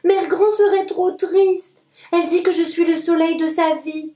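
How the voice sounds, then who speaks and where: A woman's voice: very high-pitched, steady tone, a little slow, dark tone, roomy sound, voice pushed up. A woman doing a trembling little girl in red. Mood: pleading. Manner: trembling and pleading.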